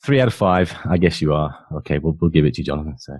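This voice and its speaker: A man's voice: a bass voice, fast, a little mellow, slightly rough, dry recording, studio quality. A man hosting a podcast in a playful, conversational way. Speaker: podcast host. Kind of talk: casual chat with scripted introduction.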